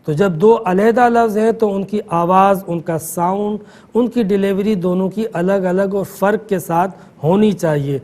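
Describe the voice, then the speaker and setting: A middle-aged man, a mufti answering callers' questions in a calm, explanatory manner. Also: high-pitched. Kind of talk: religious call-in answers.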